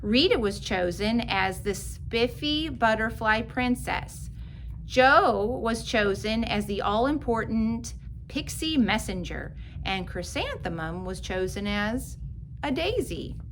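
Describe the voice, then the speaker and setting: Animated, high-voiced woman reading a storybook. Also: slow pace, slight background noise, rough recording. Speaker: storybook reader. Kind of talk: expressive children's read-aloud.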